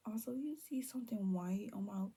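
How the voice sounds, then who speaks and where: A woman with a husky, gravelly voice gives a casual tarot reading to viewers, speaking a little fast. She deliberately keeps her voice down, drifting between low talk and soft whispers and letting her sentences trail off.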